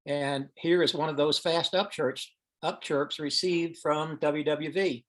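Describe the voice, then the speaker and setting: On an online teleconference call for amateur radio science, a man gives an informal technical presentation, walking through things step by step and occasionally thinking out loud. His voice is a little high and fairly bright, with fairly even intonation and a measured pace.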